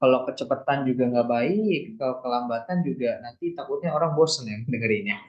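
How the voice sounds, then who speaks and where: A man's voice: mid-range voice, brisk, roomy sound, lo-fi sound. A man moderating a webinar, casually reading audience questions from the chat. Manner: relaxed, reads audience questions aloud.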